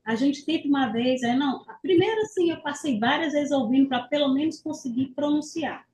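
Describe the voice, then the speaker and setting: A woman's voice: high-pitched, brisk, a little mellow, low-quality recording. A woman student talking casually in an online class, hesitant and rambling, with many restarts.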